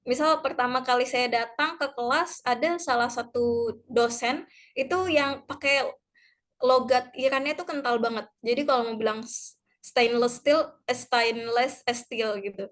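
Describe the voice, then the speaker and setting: Chatty young woman with a high voice. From Indonesia. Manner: chatty, with many fillers and small laughs. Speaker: graduate student sharing her study experience. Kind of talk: casual online talk. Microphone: video call.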